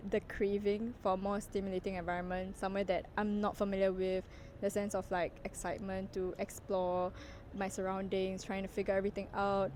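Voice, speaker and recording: A woman's voice: mid-range voice, a little mellow, slight background noise, low-quality recording. Chatty young woman vlogging. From Singapore. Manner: chatty, heavy use of "like" and "you know" fillers; walking around while talking. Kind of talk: casual reflective vlog talk.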